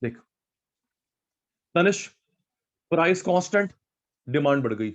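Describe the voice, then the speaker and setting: A man's voice: a little high, lively intonation, slow pace. A man teaching an online economics class, repeating points and coaxing students by name.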